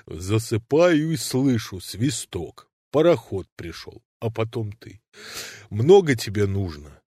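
A man's voice: sing-song, takes it slowly, warm tone, breathy edge, no echo, clean studio sound, heavily acted. A man doing a grumbling, sighing big man. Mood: groaning. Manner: sighing, grumbling, swinging between low and high. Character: huge sleepy older man, grumbling but kind. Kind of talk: audiobook reading of classic prose.

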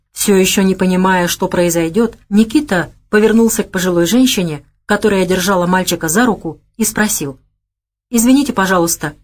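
A female narrator reading a crime thriller audiobook in scripted narration. Her delivery is measured and even, telling the action steadily. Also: mid-range voice.

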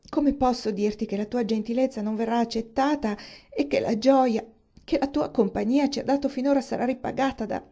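A woman's voice: sits high, dark tone, dull audio, voice pushed up. A woman voicing a distressed young noblewoman who hesitantly and apologetically brings bad news, in an audiobook reading.

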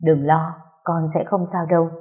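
Brief: woman reading a steady father, calm and reassuring, mellow. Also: low voice, normal speed, close to an everyday voice.

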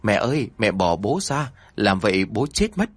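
A man's voice: fairly low pitch, sing-song, moderate pace, slightly rough, no echo. A man voicing a young boy who cries and pleads in panic for help for his father. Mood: pleading. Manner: pleading, tearful.

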